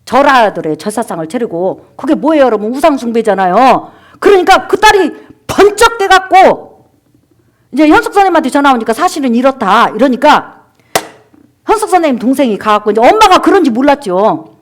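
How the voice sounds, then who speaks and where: A woman's voice: sits high, big pitch swings, fairly quick. A woman pastor preaching a sermon and telling a testimony, calling for amens and asking the congregation questions. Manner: exhorting, calls for amens, rhetorical questions to the congregation; acts out quoted people in her stories.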